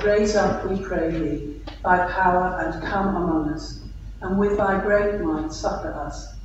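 A man leading morning prayer, reading the prayers in a measured, solemn way. His voice rings with a heavy cathedral echo. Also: high voice. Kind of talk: formal liturgical reading. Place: large stone church. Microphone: distant room mic. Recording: muffled echoey church recording from far off, with noise.

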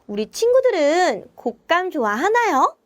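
A woman narrating a children's storybook in a sweet, sing-song way, talking right to the kids. Her voice is high and swoops widely. She takes her time, and the sound is close and dry. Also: sing-song, a little slow, dry recording. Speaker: children's storyteller and Chinese teacher.

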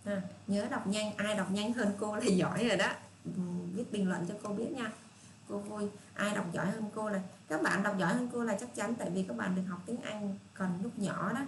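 A woman with a Southern Vietnamese accent teaching children English, patient and repetitive, reading English phrases out slowly. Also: mid-range voice. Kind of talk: casual spoken lesson for children. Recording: echoey room with faint hiss.

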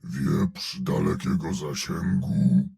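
An actor voicing a huge, gruff male brute in a video game, growling out terse battle callouts and dry sardonic remarks in a gravelly voice. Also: rumbling low, slow pace, over music, full character voice.

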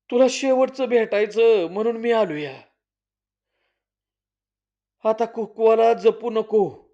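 Man doing a weary guilty village husband, low resigned voice, sorta muffled recording. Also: warm tone. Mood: farewell. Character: remorseful rural husband, weary and despairing. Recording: slightly dull lo-fi recording.

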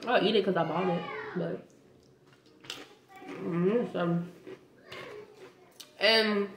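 A woman's voice: mid-range voice, fairly even intonation, takes it slowly. A young adult woman giving a casual, playful taste-test chat to camera with informal banter, recorded indoors at home. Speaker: vlog host. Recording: echoey room with faint noise, handling clicks.

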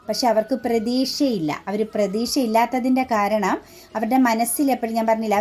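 A woman's voice: on the high side, a little mellow. A woman giving an earnest tarot reading straight to the viewer, talking with frequent fillers and restarts. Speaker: tarot reader.

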